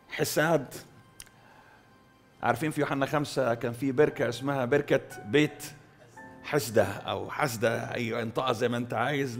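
A male pastor with an Egyptian Arabic accent preaching a sermon, pushing key words loud, letting line endings fall soft, and repeating phrases for stress. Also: medium pitch, vocal fry. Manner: emphatic, swings between loud stresses and soft drawn-out endings. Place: church hall.

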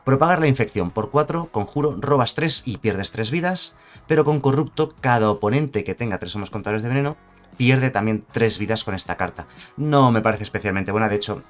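Low-voiced man, chatty card-review commentary. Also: lively intonation, brisk, faint music behind. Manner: chatty, self-correcting, asks rhetorical "¿vale?". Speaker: card game content creator.

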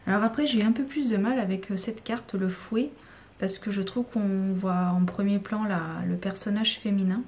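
A woman's voice: mid-range voice, fairly even intonation, normal speed, a little mellow, slight background noise. A woman with a French accent talking casually and unscripted to her viewers, rambling with many fillers and sometimes dropping to a near-whisper. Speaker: YouTuber showing card decks. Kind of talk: unscripted casual talk to camera.

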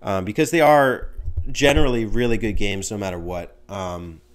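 A young male host answers viewer voicemail from a small home room with a bookshelf and window, speaking into a studio mic on a stand in front of him. His mid-range voice is animated, and he rambles casually with lots of fillers while gesturing.

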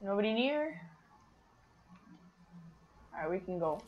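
Female streamer, chatty and excitable, mid-range voice, slightly dull lo-fi mic. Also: medium pitch, takes it slowly, slight background noise. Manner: chatty, excitable, talks to viewers. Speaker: gaming streamer. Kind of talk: casual gameplay commentary.

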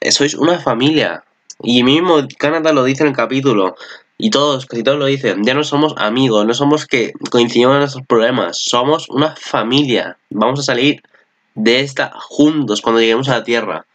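A man's voice: mid-range voice, moderate pace, a bit bright. A man with a Spanish accent from Spain giving casual, rambling reaction commentary on an anime, swearing often.

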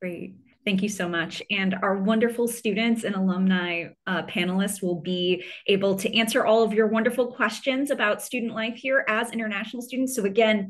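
A woman who directs school enrollment, hosting a webinar over a video call in an enthusiastic, polished way. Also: medium pitch. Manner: enthusiastic, polished, many "wonderful"s.

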